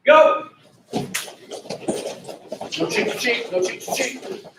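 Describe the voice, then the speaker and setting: A man's voice: very high voice, normal speed, background noise. A man coaching youth wrestling, barking commands and giving a pep talk to the kids. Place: indoor wrestling room. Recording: echoey gym from far off.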